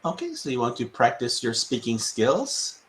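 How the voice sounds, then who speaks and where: A man's voice: mid-range voice, huge pitch swings, normal speed, slight background noise. A man from the United States, tutoring English in casual conversation practice. He repeats the student's answers back patiently and chuckles often.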